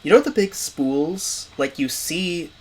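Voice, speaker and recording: A man's voice: on the high side, expressive, slow pace. A man running a tabletop role-playing game as game master, describing scenes in a casual, chatty way. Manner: casual, chatty, lots of fillers.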